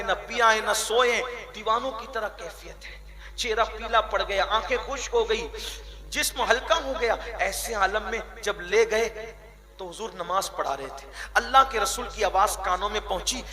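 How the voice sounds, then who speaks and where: A man with a high voice preaches a sermon at a religious gathering. He tells the story with strong feeling, speaks the lines of its people, and now and then breaks into a shout. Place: outdoor gathering.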